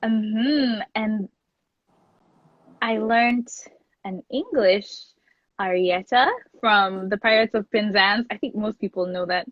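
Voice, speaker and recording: Taking her time, a young Luo-speaking woman from Kenya, a voice teacher and classical singer, chats eagerly and informally as an interview guest in a mid-range voice. The recording is close and dry, dull and lo-fi, with no echo.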